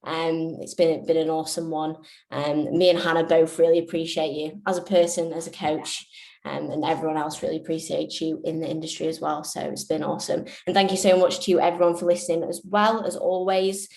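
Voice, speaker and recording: A woman's voice: low voice, level tone, fairly quick, gravelly, a little mellow, roomy sound, low-quality recording. A twenty-year-old woman co-hosting a podcast, chatting casually with lots of "like" fillers and the odd swear word. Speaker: podcast co-host and coach.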